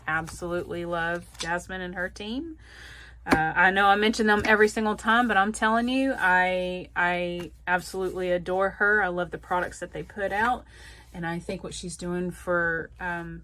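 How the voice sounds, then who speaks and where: A woman's voice: mid-range voice, a bit bright, no room sound. A woman with a Southern US accent, chatting casually to her viewers as a budgeting vlogger, laughing often. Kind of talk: casual direct-to-camera chat.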